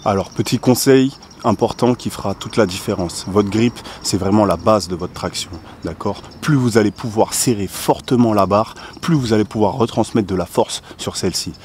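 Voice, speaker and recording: A man's voice: fairly low pitch, normal speed, few pauses, darkish tone, a little hiss or hum. A man explaining pull-up technique as a fitness coach, often checking in with the viewer and straining as he demonstrates. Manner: explanatory, repeats "d'accord", strains while demonstrating. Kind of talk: instructional fitness video.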